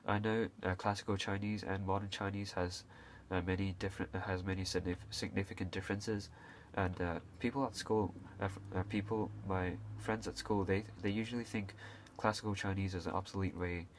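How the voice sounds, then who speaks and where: A young man from Hong Kong speaks unscripted to camera in a low, flat voice, fairly quick and with hardly any pauses. Even so, the video creator is hesitant, with many fillers, restarts and occasional coughs. A little hiss or hum sits in the recording.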